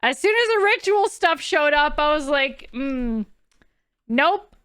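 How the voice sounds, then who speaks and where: A woman horror game streamer giving chatty, expressive, informal live commentary. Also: high voice, moderate pace, no room sound, clean studio sound.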